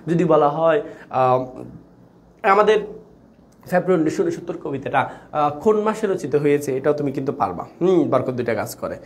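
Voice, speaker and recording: A man's voice: fairly high pitch, expressive, moderate pace, long pauses, slight background noise. A young man with a Bangladeshi Bengali accent teaching an online exam-prep lecture, quizzing his students with rhetorical questions.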